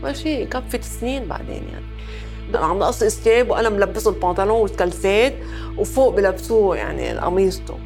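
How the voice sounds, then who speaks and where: A woman's voice: mid-range voice, lively intonation, fast talker, vocal fry, a little mellow, faint music behind. A Lebanese-accented woman giving personal testimony in a conversational way, dropping French phrases into her speech. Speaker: interviewee recalling war experience.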